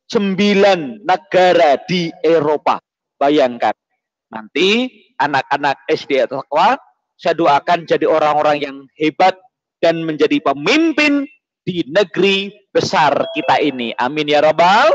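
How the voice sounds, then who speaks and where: A man's voice: on the high side, dry recording. A man presenting to schoolchildren in a playful, joking way, teasing them and firing off call-and-response questions. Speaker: children's presenter at a school holiday event. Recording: dull lo-fi, dry sound.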